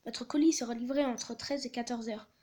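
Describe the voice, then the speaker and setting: Woman reading a scheming young delivery driver; brash, persuasive, high voice. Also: steady tone, brisk, a little mellow, close to an everyday voice.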